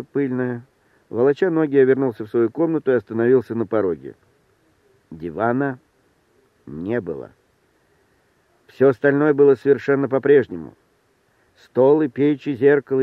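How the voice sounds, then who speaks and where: A man reads a novel aloud in a measured, subdued way, his voice at a middling pitch. The recording is dry, with no room sound, and narrow like a phone line. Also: expressive, no room sound. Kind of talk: audiobook narration.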